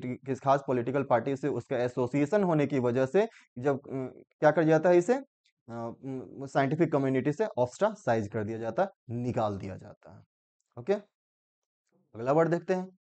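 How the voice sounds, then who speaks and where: An Indian man teaching English vocabulary for exam prep, reading definitions slowly and explaining them in Hindi. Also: medium pitch, mellow.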